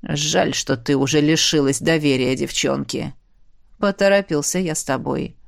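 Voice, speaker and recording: A woman doing a cold, cruel emperor in a lowered voice. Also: moderate pace, creaky. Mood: cold menace. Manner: low, cold and menacing. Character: cruel cold male emperor, ice sorcerer.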